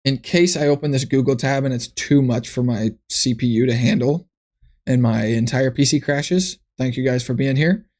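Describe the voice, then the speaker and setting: A man chatting on a casual livestream, musing aloud and restarting his sentences as he goes. His voice sits at an ordinary middle pitch. He talks into a desk mic at his computer. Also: moderate pace, darkish tone. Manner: thinks aloud, rambling with restarts. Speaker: streamer.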